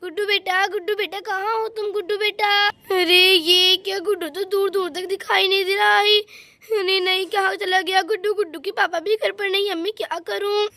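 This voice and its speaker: Woman doing a panicky village mom in a doll story, very high and bright voice, dry sound. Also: fairly even intonation, moderate pace, dry recording, heavily acted. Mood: worried. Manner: wailing, panicky. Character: frantic young village mother searching for her son.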